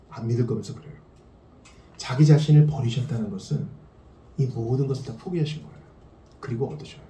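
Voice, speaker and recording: A man preaching a sermon as pastor, swinging between loud emphasis and hushed tones. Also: mid-range voice, echoey room, slight background noise.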